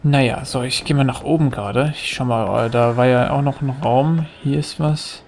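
A man talks his way through a video game, muttering and thinking aloud in a casual, chatty way. His voice has a gravelly fry to it. A faint hiss sits under the recording. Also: medium pitch, moderate pace, darkish tone. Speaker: let's play gamer. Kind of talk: casual gameplay commentary.

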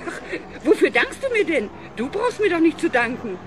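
A woman's voice: very high-pitched, sing-song, normal speed, crowd noise. A woman playing a nosy, chattering neighbor lady in a radio play, who repeats every question and answers it herself. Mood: fussy, chattering. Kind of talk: 1970s radio play acting. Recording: noisy old vinyl record.

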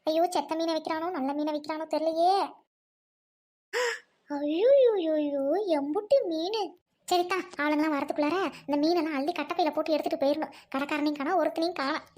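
A woman's voice: sits high, fairly even intonation, racing, few pauses, a little mellow, natural voice. A woman with a central Tamil Nadu accent voicing a sly old village woman who schemes to steal fish in a cartoon. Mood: greedy.

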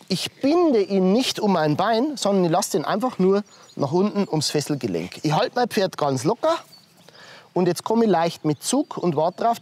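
A man, a horse trainer demonstrating hoof handling step by step, softly praising the horse between explanations. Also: high voice. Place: outdoors with a horse.

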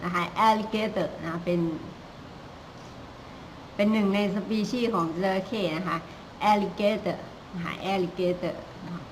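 A woman teaching English phonics in a live-streamed lesson, repeating each sound slowly and patiently with polite particles. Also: mid-range voice, fairly even intonation, a little hiss or hum, poor audio. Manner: slow, repetitive drilling of sounds with polite Thai particles.

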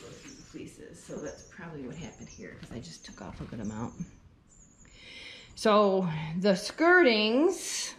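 A woman's voice: fairly low pitch, huge pitch swings, unhurried, background noise. A middle-aged woman, a sheep farmer, chatting enthusiastically while she works at a table in a barn, filmed by a camera a few feet away. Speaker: sheep farmer and fleece seller. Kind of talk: casual demonstration while working. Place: indoor barn by a fleece-skirting table. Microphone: camera on tripod a few feet away. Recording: echoey barn with faint ambience.

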